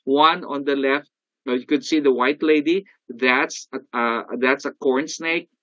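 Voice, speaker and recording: An older man with a Filipino accent giving an animated motivational sales talk, often calling out to his audience. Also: medium pitch, a little slow, no room sound, muffled recording. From Philippines. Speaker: sales coach.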